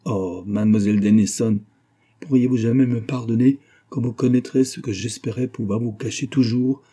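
A man voicing a proud, brooding gentleman traveller in his forties, read in an audiobook with a grave, husky, tormented delivery. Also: medium pitch, fairly even intonation, moderate pace, lightly acted. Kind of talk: audiobook reading of a novel.

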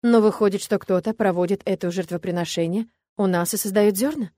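A woman's voice: mid-range voice, a little fast, dark tone, dry recording, studio quality, natural voice. A woman voicing a curious, stubborn young woman student in an audiobook, her voice lifting on questions. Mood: curious, indignant.

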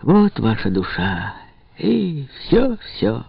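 A man's voice: medium pitch, huge pitch swings, extremely slow, creaky, breathy edge, no room sound, pitched above the performer's own voice, heavily acted. A man voicing a bold, bitter young woman who mocks and taunts impulsively, in a slightly dull lo-fi recording. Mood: mocking. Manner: mocking, impulsive.

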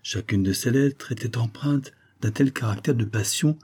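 A man voicing a calm, mysterious young woman bent on vengeance, speaking gravely and gently in an audiobook reading. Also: mid-range voice, normal speed, lightly acted. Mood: gentle.

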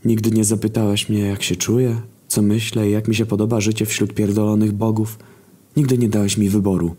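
A man's voice: lowish voice, level tone, fairly quick, mellow, voice pushed up, close to an everyday voice. A man voicing an aggrieved young woman complaining over a speakerphone. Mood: reproachful.

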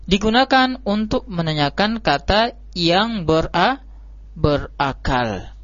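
A man teaching an Arabic lesson, repeating words slowly and drawing them out for his students. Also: sits high, animated, a bit bright, dry recording. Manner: slow, drawn-out repetition of words. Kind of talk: classroom lesson. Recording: dull lo-fi live stream audio.

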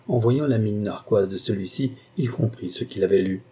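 Dark, husky male audiobook narrator. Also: lowish voice, moderate pace. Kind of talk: scripted narration.

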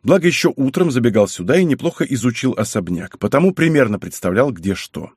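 Lively male audiobook narrator. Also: medium pitch, quick pace, slightly rough, no echo, studio quality. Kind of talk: first-person audiobook narration.

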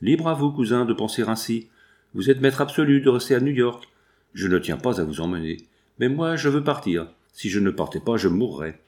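A man's voice: medium pitch, animated, normal speed, darkish tone, lightly acted. A man reading aloud and voicing a willful, impetuous eighteen-year-old girl who pleads insistently.

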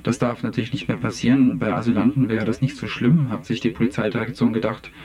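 A man playing an anonymous police union insider who speaks in a disguised deep voice, halting and full of hesitant fillers. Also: flat delivery, crowd noise. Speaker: police union member interviewed on radio. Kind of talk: satirical radio interview sketch.

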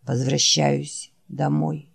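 A deep, soft, fading male werewolf, voiced by a woman reading an audiobook. He is gentle and devoted and speaks in slow, broken, simple words. His voice sits low and quiet. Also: flat delivery, vocal fry, breathy edge, no echo, heavily acted. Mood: weak, tender. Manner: slow, halting, simple speech.

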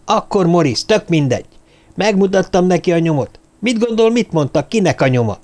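A man reading aloud and voicing a volatile police lieutenant who presses slowly and flares into yelling. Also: high-pitched, lively intonation, voice pushed up. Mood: furious. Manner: slow, pressing, bursts into yelling. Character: hot-tempered male police lieutenant, volatile.

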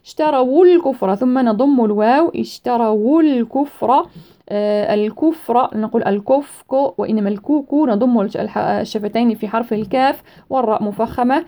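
A woman teaching a tajweed lesson, reciting verses slowly and carefully, then explaining the rules with many hesitations and self-corrections. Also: fairly high pitch, mellow.

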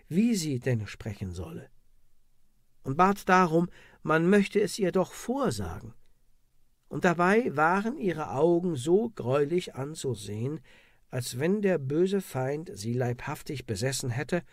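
Mann liest altes gerichtsprotokoll vor, ruhig und feierlich, ganz trockener klang. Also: male voice, mid-range voice, no room sound, clean studio sound. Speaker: narrator. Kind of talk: reading of a historical court record.

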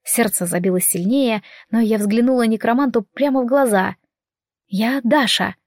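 A woman reading a story aloud in first person, wry and lively. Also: on the high side, normal speed, dry recording, clean studio sound. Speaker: audiobook narrator.

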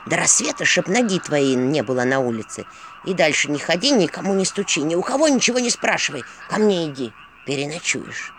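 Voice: mid-range voice, very animated, a little fast, fairly bright tone, a little hiss or hum. A reader voicing a suspicious old village woman in a fairy tale, mumbling and bossy, with folksy speech. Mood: scolding. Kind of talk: audiobook character voice.

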